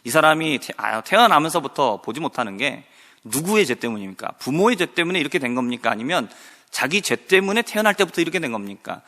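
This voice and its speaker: A man's voice: a little high, very animated, bright, forceful tone. A male pastor preaching a sermon, explaining a scripture story and asking rhetorical questions. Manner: slows and lifts his voice to voice the quoted cries. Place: church sanctuary. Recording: hall reverb of a church service broadcast.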